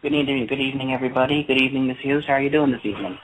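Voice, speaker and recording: Male radio caller, polite and formal, rambling, mid-pitched. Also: very fast, a bit bright, a little hiss or hum, poor audio. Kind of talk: call-in radio question.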